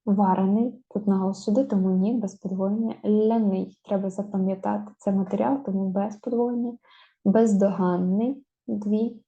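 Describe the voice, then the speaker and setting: A woman giving a spelling lesson, slowly drawing out each example word to stress it. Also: mid-range voice, fairly even intonation, vocal fry. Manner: slow, drawn-out stressing of example words. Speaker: teacher. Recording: dull lo-fi sound.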